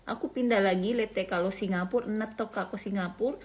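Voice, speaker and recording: A woman's voice: mid-range voice, fairly even intonation, fairly quick. A woman from Indonesia with a Bugis accent, telling her story casually and animatedly and mixing regional words into her talk. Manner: mixes regional language into chatty talk. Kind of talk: casual monologue.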